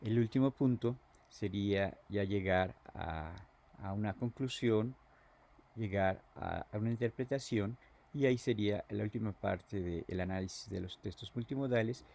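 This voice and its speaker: A man giving a lecture as a teacher, halting and repeating words, often filling pauses with "este". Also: fairly low pitch, gravelly, a little mellow.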